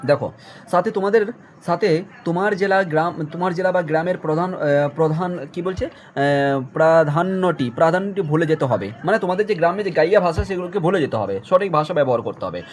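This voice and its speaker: A man's voice: a little high, a little fast, slight background noise. A young adult male teacher giving an exam-focused online lesson, explaining a text line by line and checking often that students follow.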